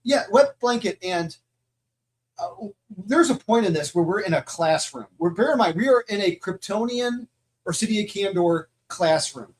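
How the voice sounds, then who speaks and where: A man's voice: high-pitched, lively intonation, moderate pace. A man co-hosting a casual comic review chat, heated and ranting, swearing freely.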